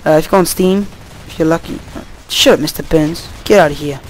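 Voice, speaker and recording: A man's voice: on the high side, a little fast, slight background noise. Tired young man rambling over gameplay. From Wales. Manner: rambling, easily distracted, swears at the game. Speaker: gameplay commentator. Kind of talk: casual gameplay commentary.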